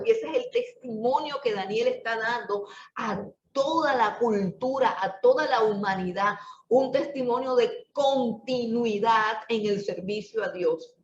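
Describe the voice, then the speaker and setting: Woman Bible teacher, deliberate and emphatic; distant, dull recording with faint hiss. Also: on the high side. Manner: slow and emphatic, repeats key words for stress. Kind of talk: Bible study lesson. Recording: distant, echoey, muffled room recording with faint noise.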